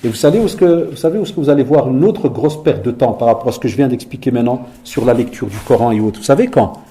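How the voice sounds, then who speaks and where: A middle-aged man preaching and teaching, telling stories lively and acting out dialogue in a hushed voice. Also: medium pitch, fast. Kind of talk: sermon with storytelling.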